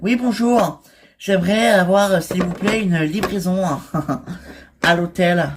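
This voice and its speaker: A woman's voice: fairly low pitch, background noise. A woman voicing a wealthy woman placing a hesitant phone order, in a toy-figure soap drama. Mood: polite. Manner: polite, halting.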